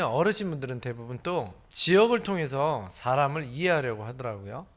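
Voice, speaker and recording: Middle-aged male pastor, animated storyteller, slightly high voice, lively pitch swings, humorous sermon. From Incheon, South Korea. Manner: animated storyteller acting out quoted voices and dialects.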